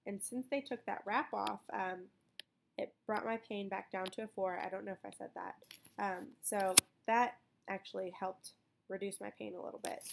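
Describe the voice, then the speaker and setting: Young woman chatting casually, slightly creaky voice. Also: mid-range voice, steady tone, moderate pace, background noise. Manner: rambling, informal, with frequent "like" asides. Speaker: vlogger recovering from surgery. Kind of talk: casual chat vlog.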